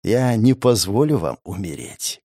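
A man's voice: on the low side, big pitch swings, a little slow, mellow, dry recording, studio quality, exaggerated voice. A man voicing a young male gamer hero who mocks and threatens his enemies, in a raised, grinning tone. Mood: menacing. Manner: mocking, menacing.

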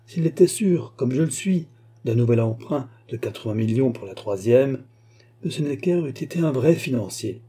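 A man voicing a smooth, scheming royal finance minister who speaks in a courtly, assured manner. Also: medium pitch, animated, normal speed, mellow.

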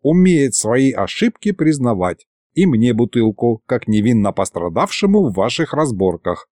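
A man's voice: medium pitch, sing-song, normal speed, dark tone, no echo, clean studio sound. Man doing a sly old ex-bandit grandpa. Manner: folksy, wheedling.

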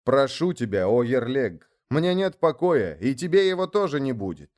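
A man's voice: mid-range voice, sing-song, moderate pace, a little mellow, close to an everyday voice. A man voicing a stubborn, humble male shaman who chants in a ringing voice in a storybook reading.

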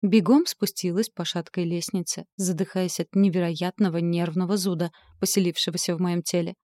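A woman narrating a first-person fantasy audiobook in an expressive, lively way. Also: lowish voice, a little fast, dry recording, clean studio sound.

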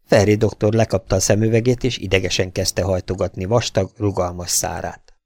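A man narrating an audiobook in an even, unhurried reading voice. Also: sits low, no room sound, clean studio sound. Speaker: audiobook reader.

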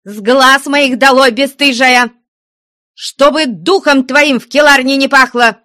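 A woman voicing a good-natured older nun who scolds the convent girls in a high, indignant voice. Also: big pitch swings, a little slow, darkish tone, no echo, studio quality. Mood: furious. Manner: scolding, shrill, scandalized.

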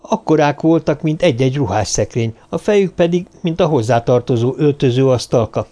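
A man narrating an audiobook, giving the characters' lines small shifts of pitch. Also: lively intonation, mellow.

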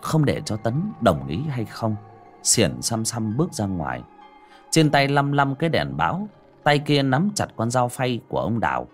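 Husky horror storyteller. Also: male voice, mid-range voice, normal speed, faint music behind. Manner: dramatic, expressive reading. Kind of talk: scripted horror narration.

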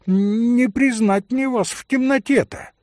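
A man reading an audiobook, voicing a fussy, scolding old female servant in a shrill, raised voice. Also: darkish tone, no echo, clean studio sound. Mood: puzzled. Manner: shrill, quick to scold then chatty.

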